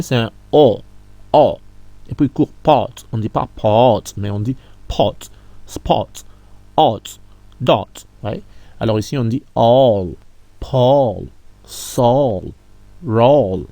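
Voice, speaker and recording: Brief: male phonics teacher, mellow and dry, slow deliberate delivery, patient repetition. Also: lowish voice, no echo. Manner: patient, repeats words slowly, chuckles. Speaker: English teacher. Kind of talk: phonics lesson reading word lists.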